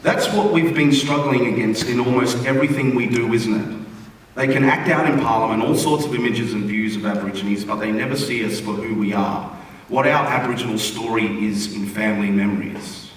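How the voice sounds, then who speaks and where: Reading a funny written postcard to an audience, this Australian man speaks fairly quickly in a mid-range voice, wry and conversational. He is a reader at a large indoor theatre forum, recorded from a distance in an echoey hall with room noise.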